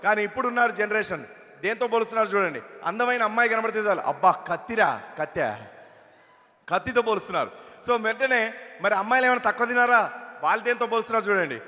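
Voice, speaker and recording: A male stand-up mimic chats to a crowd, setting up his jokes. His voice is high, quick and bright. The stage sound rings through a big hall. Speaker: mimicry comedian. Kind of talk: stand-up comedy at a stage event. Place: stage at a film event. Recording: reverberant hall.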